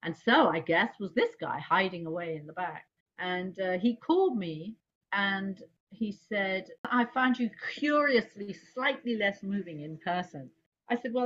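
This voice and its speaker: A woman's voice: mid-range voice, normal speed. A woman, a jazz singer, telling stories from her life in a casual interview, laughing often and jumping her voice up when she quotes herself. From England. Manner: animated, laughing, voice jumps up when quoting herself. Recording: slightly dull lo-fi sound.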